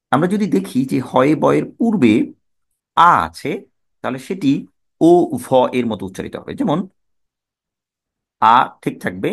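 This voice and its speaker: A man with a Bangladeshi Bengali accent teaching a pronunciation lesson, measured and explanatory, asking questions and answering them himself. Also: medium pitch, creaky.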